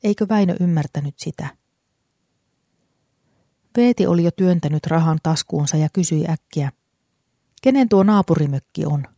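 A narrator reading a story aloud in a calm, even storytelling manner. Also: mid-range voice, gravelly, no room sound. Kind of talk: audiobook narration.

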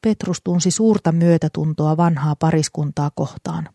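A narrator reading a story aloud in a calm, even storytelling manner. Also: medium pitch, creaky, dry recording. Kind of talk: audiobook narration.

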